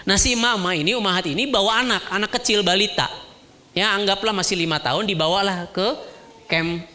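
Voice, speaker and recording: A man preaching a sermon as an animated storyteller who acts out voices. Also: high voice, a little fast.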